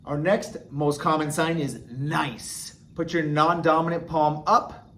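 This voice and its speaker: A man explains beginner sign language slowly and casually, his fairly high, fairly bright voice keeping a fairly even intonation. He stays encouraging and chatty with frequent "okay?" and "right?" checks, and a little hiss or hum is audible.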